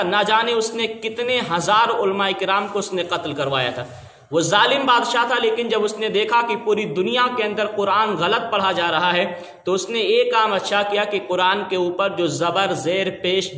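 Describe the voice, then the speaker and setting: An Islamic preacher delivers an emphatic, argumentative religious lecture in a high-sitting, sharp voice. The room is echoey, with long reverb.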